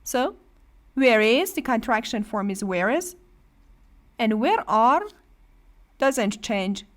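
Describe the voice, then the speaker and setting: Her voice is a little high and expressive, and she speaks at a slow pace. This Persian-accented teacher from Iran leads a classroom lesson for adult beginners, patiently explaining English grammar and getting students to repeat.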